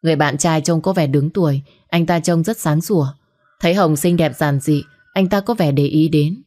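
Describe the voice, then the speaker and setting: Woman, low voice, audio story narrator, steady storytelling. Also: normal speed. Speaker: narrator voicing all characters.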